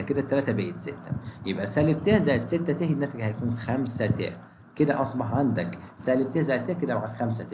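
Man, Egyptian accent, math teacher, slightly high voice, extremely fast, echoey room. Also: a little hiss or hum. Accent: Egyptian Arabic. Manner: energetic, keeps asking students questions. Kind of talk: exam exercise walkthrough.

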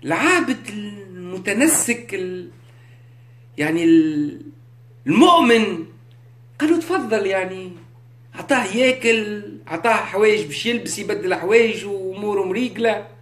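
A man with a Tunisian accent holds forth in a casual livestream and keeps checking that his listeners follow. His voice sits fairly high, and French phrases slip into his speech. The room around him is echoey. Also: lively intonation, moderate pace, a bit bright. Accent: Tunisian Arabic. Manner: rhetorical, keeps checking understanding, mixes in French. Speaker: live streamer. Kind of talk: casual live-stream monologue. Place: indoors, live on social media.

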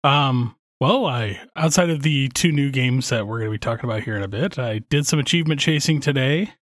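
A man's voice: medium pitch, brisk, a bit bright, no room sound, clean studio sound. A man co-hosting a gaming podcast, talking in a laid-back, hesitant way. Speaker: podcast co-host. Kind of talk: casual podcast chat.

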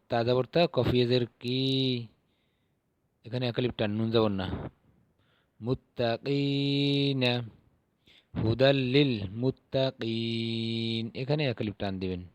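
A middle-aged man gives a patient Quran reading lesson, spelling syllables one by one and then stretching the recited words out slowly. His voice sits at an ordinary male pitch. The recording is dry and close, with no room sound. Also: a little mellow, no room sound. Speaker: Quran teacher.

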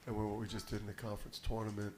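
Answering reporters after a game, this middle-aged head basketball coach talks quickly in a low, monotone, slightly mellow voice. He's confident and emphatic, often repeating words and restarting as he begins, speaking into a stand-mounted table mic in the press room with slight background noise.

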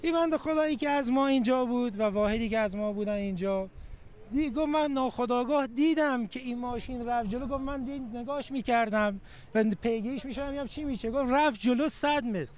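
High-voiced man giving a casual account. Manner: colloquial, relays a colleague's words. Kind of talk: colloquial eyewitness account.

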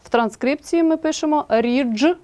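A woman with a Ukrainian accent narrates a scripted lesson. Her voice sits a little high. She pronounces each example word slowly and carefully. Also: expressive, darkish tone. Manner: clear, slow enunciation of example words. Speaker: language teacher.

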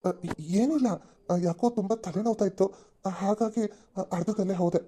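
A woman's voice: medium pitch, brisk, mellow, breathy edge, lightly acted. A woman voicing a moody, self-pitying young husband in a cartoon. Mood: gloomy. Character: young married man, moody office worker.

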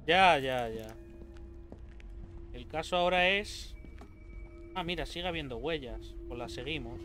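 A man commenting on a horror game, joking, swearing often and shouting when scared. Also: a little high, expressive, unhurried. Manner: swears a lot, jokey, yells when scared. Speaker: gaming youtuber. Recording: game music behind the voice.

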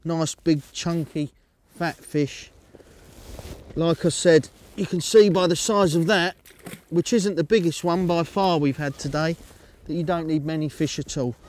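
Man, middle-aged, calm and steady, explaining step by step, outdoors by a lake, lapel mic, slightly higher voice. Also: unhurried. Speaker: angling coach. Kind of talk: outdoor fishing tutorial. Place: lakeside, outdoors.

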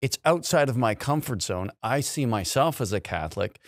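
A podcast host in his fifties chats in a casual, conversational style, acting out imagined quotes in an animated, mid-range voice at a moderate pace. He records in a small indoor studio on a close studio mic on a stand, so the sound is clean with no room echo.

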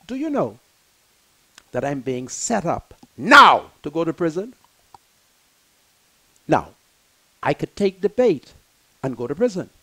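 Impassioned Bahamian man, high lively voice. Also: slow pace, pauses often, husky, poor audio. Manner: impassioned, swings from loud preaching to low muttering; gestures broadly while talking. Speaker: radio talk show host. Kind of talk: emotional talk radio monologue. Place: small radio studio. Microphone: headset mic.

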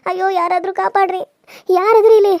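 Woman doing a cartoon village woman, tearful and begging, very high voice. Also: fairly even intonation, fast, no echo, clean studio sound. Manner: pleading, tearful. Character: frightened pleading village woman begging for life. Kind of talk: cartoon serial dubbing.

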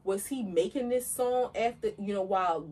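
A woman co-hosting a podcast, speaking in an animated, outspoken and sassy way in casual chat. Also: medium pitch, normal speed. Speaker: podcast co-host. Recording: distant mic.

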